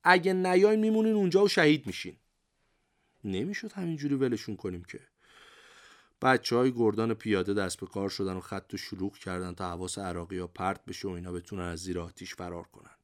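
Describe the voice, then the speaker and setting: Older man recounting war memories. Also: deep voice. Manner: conversational, lively retelling with idioms. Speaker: war veteran narrator. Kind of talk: colloquial memoir storytelling.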